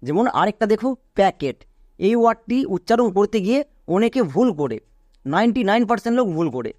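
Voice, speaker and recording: A man with a high voice teaches an English reading lesson. He explains each rule patiently and repeats it, and he spells words out slowly letter by letter. The sound is dry and close, with no room echo. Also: big pitch swings, darkish tone. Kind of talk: online phonics lesson.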